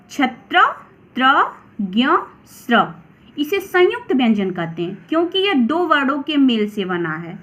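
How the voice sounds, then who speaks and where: A woman teacher with a Hindi accent, slowly and deliberately explaining grammar to children. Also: high-pitched, fairly bright tone. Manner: slow, deliberate, addresses children. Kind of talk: grammar lesson read aloud.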